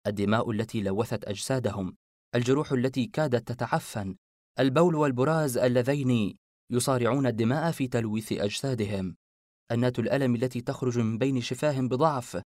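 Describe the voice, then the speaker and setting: A man's voice: medium pitch, no room sound. Man narrating an audiobook, dry sound. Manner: steady, measured reading.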